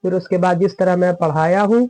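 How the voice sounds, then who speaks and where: High-voiced man teaching Quran reading. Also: fairly even intonation, brisk, warm tone, no echo, poor audio. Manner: explains step by step, checks in with listeners often. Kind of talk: spoken lesson with recited examples.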